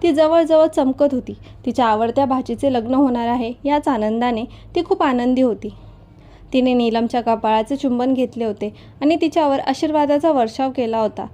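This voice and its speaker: High, mellow woman narrating a story.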